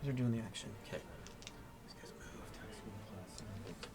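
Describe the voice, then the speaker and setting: A man in his forties playing a tabletop wargame and chatting casually, animated, with loud excited outbursts. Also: on the low side, takes it slowly, loud music behind the voice. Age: 40s. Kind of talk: casual banter over a tabletop game.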